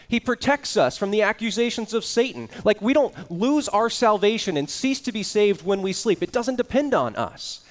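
A man preaching an earnest sermon as pastor, explaining scripture with rising emphasis. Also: sits high.

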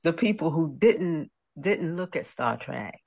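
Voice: mid-range voice, lively intonation, a little slow, vocal fry, darkish tone. A speaker in a casual chat, animatedly retelling conversations with friends.

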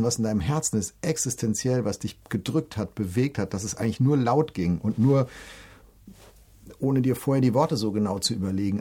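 Earnest low-voiced man giving devotional talk. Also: warm tone, slightly rough. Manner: earnest, addresses listener directly, reads scripture slowly. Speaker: preacher.

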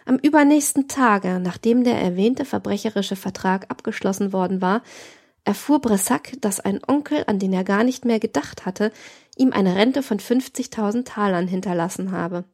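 A woman narrating a classic novel as an audiobook in a steady, even reading. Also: medium pitch, moderate pace. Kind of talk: scripted narration.

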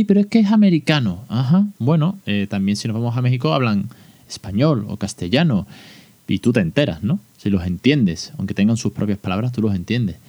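Man, podcast host, low mellow voice, ironic and chatty, close dry mic. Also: no echo. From Spain. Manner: ironic, chatty, many fillers. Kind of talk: casual solo podcast talk.

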